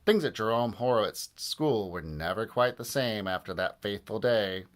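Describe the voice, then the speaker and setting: A man reading a children's book aloud with expressive, lively storytelling. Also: on the low side, moderate pace. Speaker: audiobook narrator.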